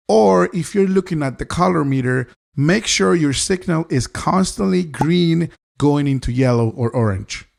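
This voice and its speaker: A man's voice: a little high, gravelly. A man narrating a scripted live sound tutorial, upbeat and talking straight to the viewer. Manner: upbeat, direct, talks to the viewer. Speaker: live sound engineer teaching mixing.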